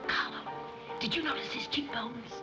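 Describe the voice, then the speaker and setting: A woman's voice: a little high, moderate pace, close to an everyday voice. An actress playing a scatterbrained middle-aged society mother in 1930s screwball comedy banter, rambling and dithering. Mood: dithering chatter. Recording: old 1930s film soundtrack, music behind.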